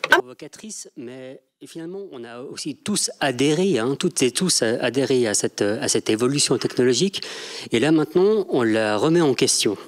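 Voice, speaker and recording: A middle-aged man with an average-pitched voice moderates a panel on a theatre stage. He speaks informally into a handheld mic, pausing to find his phrasing and adding small tag questions. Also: expressive. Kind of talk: informal live stage hosting. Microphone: handheld microphone.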